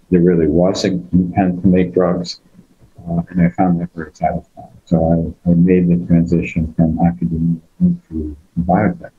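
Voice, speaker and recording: An older American man with a deep, dark voice tells a conversational personal story as a guest speaker on an online video call. He speaks haltingly and hesitantly, full of fillers and restarts, and the recording is muffled.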